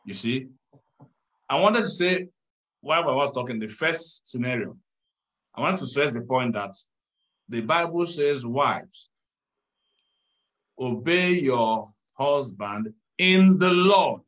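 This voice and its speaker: A man, a pastor, teaching in a church talk show, measured and stressing key words. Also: medium pitch, lively intonation, bright, forceful tone, low-quality recording.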